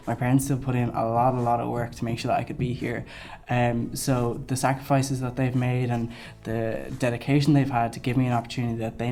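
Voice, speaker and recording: A young Dublin man in his twenties answers questions earnestly for a student election campaign video, often saying um. His voice is medium-pitched, gravelly, and warm, and background music plays underneath.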